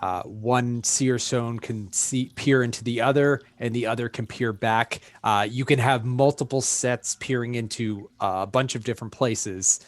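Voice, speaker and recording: Slow-talking man running a tabletop game. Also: mid-range voice, fairly even intonation, dry recording. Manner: unhurried, with many fillers. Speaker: game master.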